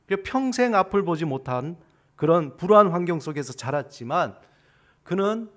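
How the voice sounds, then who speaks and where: A middle-aged male pastor delivering a sermon in a higher-than-usual voice. His pitch swings widely as he preaches. He puts questions straight to the congregation and acts out other people's words with flair. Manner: dramatic, acting out quoted voices of others.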